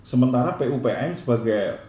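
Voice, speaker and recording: A man's voice: medium pitch, animated, fairly quick, warm tone. A man asking questions as an interviewer. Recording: roomy echo, faint background noise.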